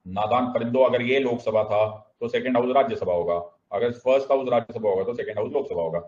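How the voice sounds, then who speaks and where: A man's voice: mid-range voice, fast talker, darkish tone, lo-fi sound. A man teaching a lecture who keeps checking that the class follows him, repeating key phrases and adding playful asides.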